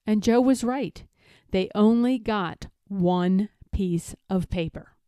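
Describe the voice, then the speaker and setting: A woman narrating a children's storybook aloud in a measured, expressive manner. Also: medium pitch, clean tone, no echo, clean studio sound. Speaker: storybook reader.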